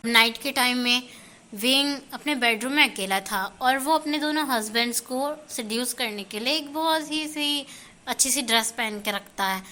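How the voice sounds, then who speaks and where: A woman narrating fan fiction as a lively storybook reading. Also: a little high, normal speed.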